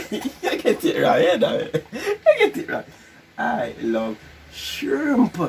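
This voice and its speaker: A man's voice: high-pitched, wildly swooping pitch, slow pace, vocal fry, background noise. Whispering Jamaican man. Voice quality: whispered, unvoiced. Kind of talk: whispering in a challenge game.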